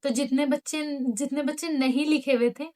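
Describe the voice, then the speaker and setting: A woman in her late teens, a vlogger, telling a school storytime in animated casual chat, acting out the lines of others and slipping English phrases in. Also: high-pitched, normal speed. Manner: animated, acts out teachers and friends in quoted lines.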